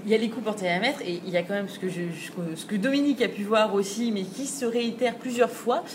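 A woman co-hosting a podcast in a casual chat, quick and animated and laughing often. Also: mid-range voice. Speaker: podcast co-host. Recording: noisy recording with audible hiss.

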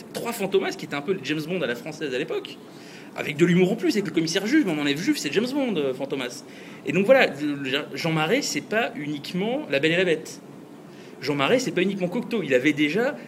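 High-voiced man chatting about old films. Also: noisy background. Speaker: podcast host. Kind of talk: casual chat.

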